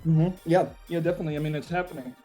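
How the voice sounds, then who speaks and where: A man with a fairly high-pitched voice and a dark tone is interviewed as a musician, with faint music playing behind him. He chats casually and reflectively, often halting while he searches for words.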